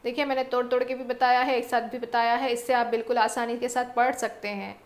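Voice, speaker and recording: A woman teaching Quran recitation, reciting phrases slowly, repeating them, then explaining pronunciation. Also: a little high, little pitch movement. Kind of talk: slow recitation lesson with explanations.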